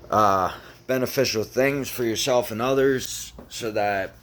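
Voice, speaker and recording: A man giving a casual motivational talk in a deep, firm voice, repeating his points with emphasis and casual swearing. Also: unhurried, fairly bright tone, a little hiss or hum. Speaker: motivational vlogger.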